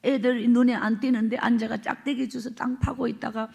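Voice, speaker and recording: A woman's voice: fairly high pitch, steady tone, fairly quick, gravelly, darkish tone, husky. A woman evangelist with a Gyeongsang accent giving a revival sermon testimony, telling her story dramatically and sometimes dropping to a whisper. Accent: Gyeongsang Korean. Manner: dramatic storytelling, acts out quotes, drops to whispers. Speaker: evangelist preacher.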